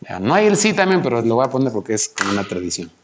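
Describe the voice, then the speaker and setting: A male math tutor takes a student through logic exercises one-on-one, patient and coaxing, with lots of questions. His mid-range voice swings widely in pitch and moves fast, with background noise behind it.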